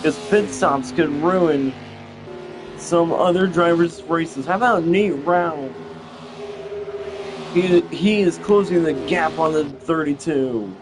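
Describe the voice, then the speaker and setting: A young man with a fairly high voice calls a simulated stock car race play-by-play, with engine noise and music in the background. He's halting, repeating phrases and restarting often.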